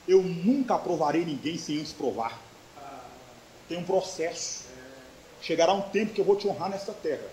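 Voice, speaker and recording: A preacher voicing God's solemn warning as relayed by an old church sister, speaking lower and slower. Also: male voice, a little mellow, lightly acted. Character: stern God speaking through an old sister. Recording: echoey church hall.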